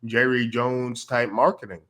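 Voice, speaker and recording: A man's voice: mid-range voice, level tone, a little slow, fairly bright tone. A man debating sports heatedly as a fan, challenging the other side and interrupting with slang and swearing.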